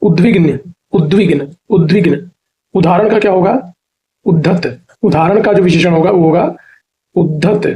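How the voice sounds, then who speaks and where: High-voiced man drilling exam vocabulary. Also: moderate pace, dark tone. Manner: repeats each answer, asks and answers own questions; spells words out syllable by syllable. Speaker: Hindi exam teacher. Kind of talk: online exam-prep class.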